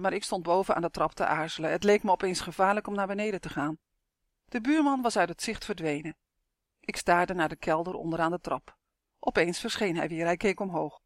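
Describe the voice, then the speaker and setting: An audiobook narrator reads a first-person suspense tale in a steady, measured way at a mid pitch. He's close-miked in a dry, dead room without any echo.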